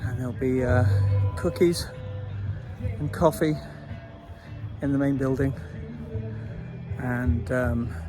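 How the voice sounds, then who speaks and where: A man chatting casually on a road trip vlog, relaxed and full of fillers. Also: mid-range voice, takes it slowly, pauses often, music in the background. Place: outdoors and in a car, on the road. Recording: outdoor background noise.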